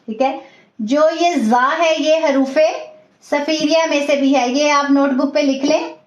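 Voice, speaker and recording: A woman teaching a recitation class, patiently repeating each word slowly and often checking in with her students. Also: high voice. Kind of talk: online class lesson, slow repetition drills. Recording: roomy, dull lo-fi audio.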